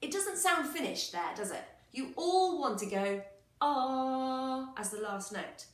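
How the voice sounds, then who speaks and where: A woman's voice: medium pitch, sing-song, moderate pace, fairly bright tone, echoey room. A woman music teacher giving a patient, encouraging recorder lesson, counting aloud and singing examples.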